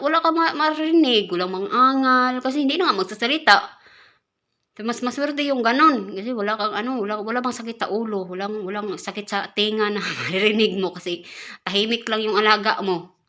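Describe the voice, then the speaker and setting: A woman's voice: medium pitch, fast, a bit bright. A woman from the Philippines who works as a caretaker, talking casually in a vlog, chatty, with many restarts and frequent laughs. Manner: chatty, repeats and restarts words, laughs often. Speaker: caretaker vlogger.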